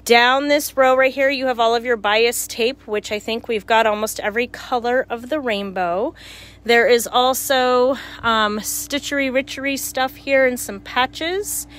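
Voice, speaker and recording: A woman with a fairly high voice walks through a shop, casually pointing out products. She talks like a store worker showing viewers what is in stock. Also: steady tone, measured pace, fairly bright tone. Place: small cluttered shop, indoors. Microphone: handheld phone.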